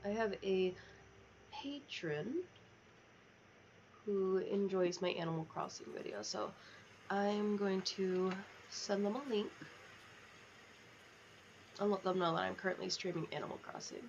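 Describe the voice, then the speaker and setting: This streamer's medium-pitched voice has a darkish tone, and she talks at a measured pace with long pauses. She's casually rambling and affectionate as she plays a video game live, using a sensitive headset mic. The recording is dull and lo-fi with a bit of hiss or hum.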